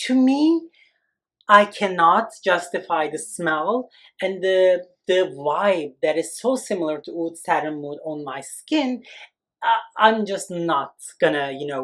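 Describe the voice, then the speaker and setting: Reviewing fragrances for his channel, this Turkish man, whose first language is Turkish, speaks in a high voice. His casual talk to the camera is lively and expressive, peppered with fillers like "like" and "you know."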